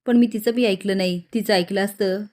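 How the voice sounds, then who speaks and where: A grieving, accusing village mother, read out by a woman narrator. The delivery stays flat and even, with little rise or fall. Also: medium pitch, fairly quick, close to an everyday voice.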